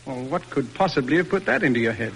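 In a formal, emphatic 1940s radio drama style, an actor plays a stern father, exasperated and disappointed in his son, with a mood of exasperated resolve. His mid-range voice is animated, quick, husky, fairly bright, with vocal fry and heavily acted delivery. The old radio broadcast recording is noisy.

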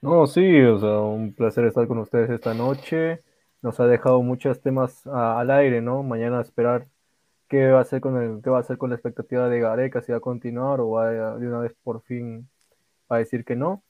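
A man's voice: medium pitch, steady tone, a little fast, no echo. A man taking part in a podcast panel remotely, chatting casually as he wraps up. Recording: dry, phone-like remote line.

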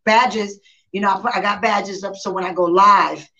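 This guest, a female singer, has a mid-range voice and a moderate pace. Chatting casually, she tells stories with gusto, mimics quotes and breaks into laughter often, over dull lo-fi live stream audio.

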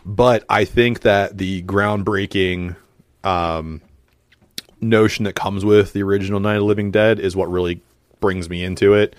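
A man's voice: low voice, fairly even intonation, moderate pace, no echo. A man hosting a casual podcast chat, talking animatedly with frequent fillers and laughs. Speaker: podcast host.

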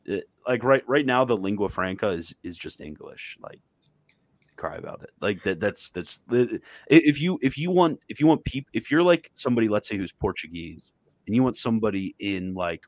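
A man with a very low voice hosts a casual livestream chat over a video call. He thinks aloud, often restarting his sentences. His sound is close and dry, with no room around it. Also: expressive, moderate pace, no echo. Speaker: host.

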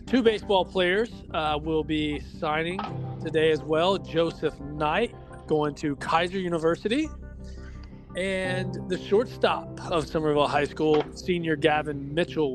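A man with a fairly high voice hosts a casual sports podcast. He chats upbeat and reads out lists of names. Music plays clearly beneath him. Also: fairly even intonation, measured pace. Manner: upbeat, announcing names in a list. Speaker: podcast host. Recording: music bed under the talk.

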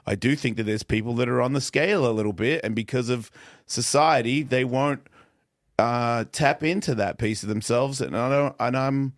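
A man's voice: mid-range voice, moderate pace, dry recording, clean studio sound. A man talking as a podcast guest, hesitant with many stumbling restarts. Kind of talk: casual chat.

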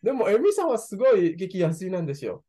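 Man, Japanese, mellow tone, animated pitch, hesitant fillers. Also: quick pace. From Indonesia. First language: Indonesian. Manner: speaks Japanese as a second language with hesitant fillers and self-corrections. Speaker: guest, nurse. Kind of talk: casual interview chat.

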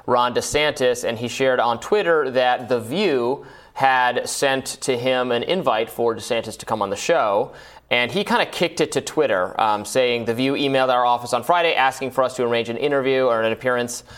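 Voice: mid-range voice, normal speed. A news show co-host chatting casually about a story and reading out quotes. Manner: casual, reads out quotes with light laughs. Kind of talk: studio news chat.

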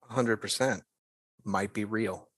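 A man hosting a casual sports podcast, playful and quick to laugh. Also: fairly low pitch, fairly even intonation, a bit bright, husky, no room sound. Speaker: podcast host. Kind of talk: casual chat.

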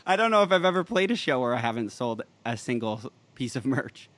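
A man's voice: medium pitch, sing-song, fairly quick, fairly bright tone, no room sound. Chill guy hosting a podcast, laughs easy, dry close sound. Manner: easygoing, laughs often, short replies. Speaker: podcast host, musician. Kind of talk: casual chat.

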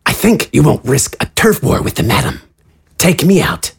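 Cocky rogue in an audio drama, voiced by the narrator: raspy, taunting, lively pitch. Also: male voice, normal speed, exaggerated voice. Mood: smug. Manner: smug, taunting. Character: cocky young male rogue, A J.

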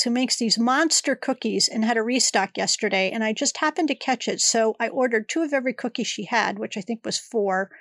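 A woman's voice: on the high side, fairly bright tone, no echo, clean studio sound. A middle-aged woman hosting her own podcast, congested and talking in a rambling, personal, chatty way. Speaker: podcast host. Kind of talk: casual solo podcast monologue.

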